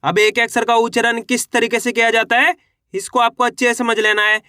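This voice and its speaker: A man's voice: extremely high pitch, little pitch movement, brisk, pushed and bright, clean tone, dry recording, studio quality. A man teaching beginners to read, sounding out each syllable and repeating words in an encouraging way. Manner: encouraging, addresses viewers as friends. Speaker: Hindi reading teacher. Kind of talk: online reading lesson.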